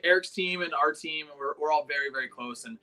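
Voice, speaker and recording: Fast, bright-voiced young musician, man. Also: fairly high pitch, far from the mic. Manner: quick, tumbling, self-correcting. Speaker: band member, musician. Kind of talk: casual chat on a livestream.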